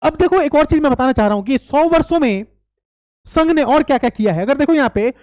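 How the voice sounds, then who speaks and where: Emphatic high-voiced male lecturer. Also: lively intonation, fast, a little mellow, dry recording. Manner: repetitive, emphatic, rhetorical questions. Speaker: exam coaching teacher. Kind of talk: classroom-style lecture.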